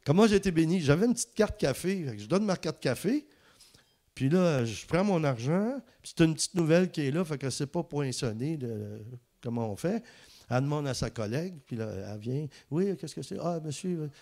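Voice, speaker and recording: A man with a Quebec French accent preaching a sermon, animated as he tells anecdotes and laughs at his own jokes. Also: a little high, brisk. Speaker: preacher and guest speaker.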